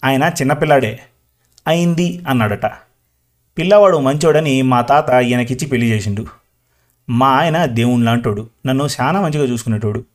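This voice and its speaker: A man doing a slow, rambling old grandmother. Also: mid-range voice, close to an everyday voice. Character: chatty old village grandmother, talkative and proud. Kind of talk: storybook reading.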